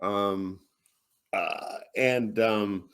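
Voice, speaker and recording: A retired police officer in casual chat, telling a story in a relaxed, measured way. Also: male voice, lowish voice.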